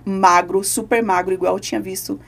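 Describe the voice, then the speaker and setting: A woman's voice: mid-range voice, steady tone, brisk, creaky, a little hiss or hum. A woman, a podcast guest giving an earnest, emotional personal testimony.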